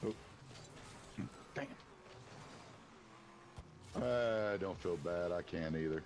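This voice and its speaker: A man with a bassy voice, chatting casually while gaming, laid-back and dryly teasing. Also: slow, darkish tone, a little hiss or hum. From East Tennessee. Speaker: gamer.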